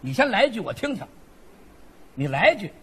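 A man performing crosstalk comedy, teasing his partner in quick banter. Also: high voice, sing-song, a bit bright, slightly rough.

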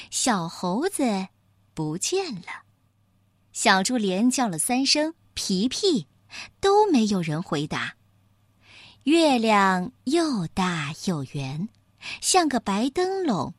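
Expressive woman reading a children's story. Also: on the high side, dry recording.

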